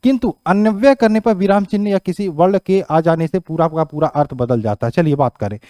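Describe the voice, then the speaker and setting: A man teaching an exam-prep grammar lesson, repeating key phrases and checking with the class whether it is clear. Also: fairly quick, dry recording, studio quality. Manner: rises in pitch and loudness when explaining examples.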